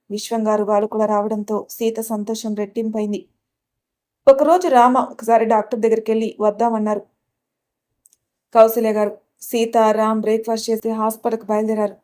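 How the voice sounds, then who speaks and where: A woman's voice: on the high side, fairly even intonation, moderate pace, warm tone. A woman reading a romantic family story aloud, voicing every character's lines in her own voice. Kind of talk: scripted narration of a love story.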